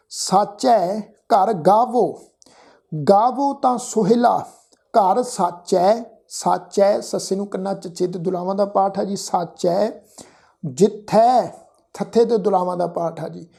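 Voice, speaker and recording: A woman from Punjab, India, teaching how to pronounce scripture. She recites line by line in a slow, measured way and spells out each sound with care. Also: medium pitch, vocal fry, dark tone. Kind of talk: religious pronunciation lesson.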